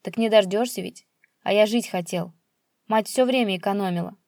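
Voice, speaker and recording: A woman's voice: a little slow, dark tone, breathy edge, dry recording, studio quality. A woman voicing a spiteful old male pensioner who screeches and jeers at his son. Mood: abusive. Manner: shrill, screeching, jeering.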